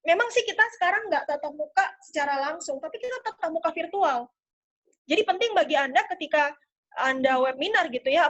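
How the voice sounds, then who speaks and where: Woman sales trainer, high voice, lively webinar delivery, muffled call audio. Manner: lively, demonstrative, addresses audience often. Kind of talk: webinar coaching talk.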